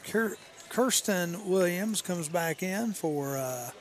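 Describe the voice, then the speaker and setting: A man doing play-by-play commentary for a local high school basketball broadcast, joking between plays. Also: slow, background noise. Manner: jokey, calls plays excitedly. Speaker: play-by-play announcer.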